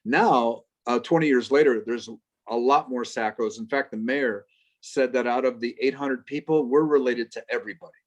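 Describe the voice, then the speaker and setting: A man in his fifties from Chicago, a professor telling stories with quick jokes as a guest on a video-call interview. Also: medium pitch. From Chicago, United States. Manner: lively storyteller, quick asides and jokes.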